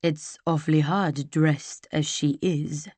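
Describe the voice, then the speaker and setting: A woman voicing a gruff, blunt male smuggler in a slow, coarse drawl for an audiobook. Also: deep voice, fairly even intonation, a little mellow, no room sound. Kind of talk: audiobook character voice.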